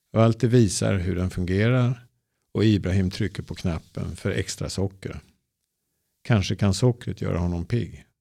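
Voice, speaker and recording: Man reading a story in a low, gravelly voice. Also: dark tone, no room sound, studio quality. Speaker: narrator. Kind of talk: easy-Swedish storybook reading.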